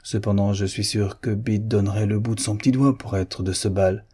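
A man's voice: on the low side, fairly even intonation, moderate pace, dark tone, slightly rough. A man reading a cheeky young man's lines in a period novel, in a mocking, teasing manner.

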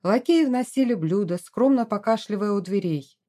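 A woman reading a romance novel aloud as an audiobook, in an expressive, dramatic way. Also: mid-range voice, moderate pace. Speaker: audiobook narrator. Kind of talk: scripted narration.

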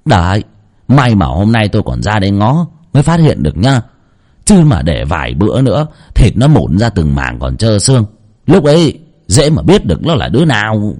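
A man's voice: fairly low pitch, huge pitch swings, normal speed, a little mellow. A man doing a grumbling old bald landowner. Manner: indignant, self-justifying.

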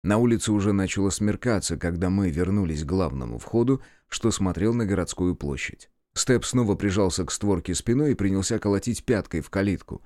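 A man reads a first-person audiobook in a calm, measured way. His voice sits fairly low. The sound is close and dry. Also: no echo. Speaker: audiobook narrator.

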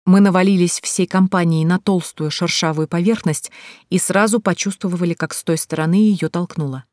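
A woman with a low-set voice narrates an audiobook in a lively storytelling manner and voices each character herself. The recording is dry and close, with no room echo. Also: normal speed.

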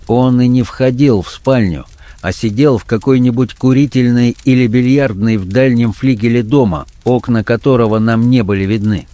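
A man narrating an audiobook in a measured, even reading. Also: mid-range voice, no echo.

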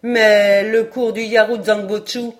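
A woman voicing an eager, absent-minded male French geographer who talks in lively, emphatic exclamations in an audiobook. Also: medium pitch, takes it slowly, soft background music, natural voice. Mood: excited.

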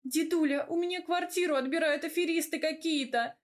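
Brief: woman reading as a fiery young heroine, higher and louder than the narration, quick to exclaim. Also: lively intonation. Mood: complaining. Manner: loud, complaining, exclaiming. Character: indignant young woman, fiery and sharp-tongued. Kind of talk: audiobook character voice.

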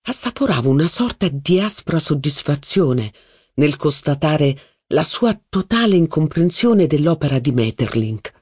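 A man's voice: fairly high pitch, husky, no echo, studio quality. Man reading a literary audiobook. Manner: measured, expressive reading. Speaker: audiobook reader.

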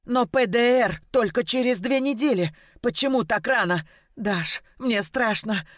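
A woman reading an audiobook, voicing a young pregnant woman in labor who pleads and shouts frantically in pain. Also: fairly high pitch, unhurried, no echo, studio quality, pitched above the performer's own voice. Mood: frightened.

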